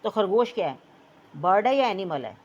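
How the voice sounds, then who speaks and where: A woman teaching a beginners' language lesson to children, patiently drilling words slowly for them to repeat and mixing in English phrases. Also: medium pitch, big pitch swings, a little mellow, highs cut off. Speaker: Urdu teacher.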